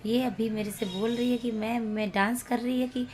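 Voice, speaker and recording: A mother of young children narrates her cooking channel from her home kitchen, chatting in a homely, playful way. Her voice is a little high with a steady tone at normal speed, heard over a noisy crowd.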